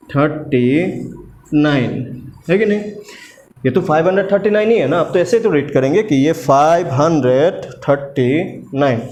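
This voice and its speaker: A man's voice: fairly high pitch, a little mellow. A man teaching a maths lesson, patiently asking questions and answering them himself, repeating each step and mixing English terms into his talk. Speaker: maths tutor.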